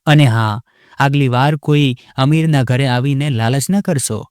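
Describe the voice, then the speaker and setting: A haughty rich young wife, as a male storyteller puts her on, her sharp, taunting voice jumping high as she scolds. She speaks at a middling pitch and sounds close and dry, with no room around her. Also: normal speed, no echo, close to an everyday voice. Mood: scornful.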